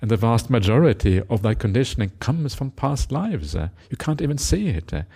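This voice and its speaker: This middle-aged Buddhist monk from Norway speaks briskly in a medium-pitched, sing-song voice that is gravelly and slightly rough. His Dhamma talk is reflective, punctuated by a questioning "eh?" at the end of points, gentle laughter, and hesitant fillers.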